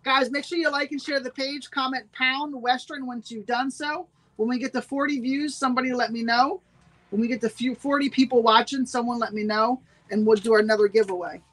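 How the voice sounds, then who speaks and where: A woman's voice: high voice, steady tone, a little fast, fairly bright tone, rough recording. A woman hosting a live-streamed sale, chatting with viewers and repeating every price twice. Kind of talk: live-streamed sales pitch.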